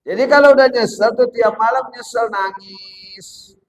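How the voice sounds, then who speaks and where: A man preaching, his voice high and his delivery slow and drawn out. He jokes with homely examples and drops into slang between quoted Arabic phrases. The room around him is echoey, with faint background ambience. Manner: jokey everyday examples, Betawi slang, quoting Arabic. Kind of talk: sermon. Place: gathering hall. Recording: roomy hall with faint ambience.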